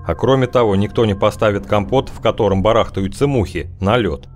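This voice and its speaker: A man reading an audiobook in measured, wry scripted narration. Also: fairly low pitch, soft background music.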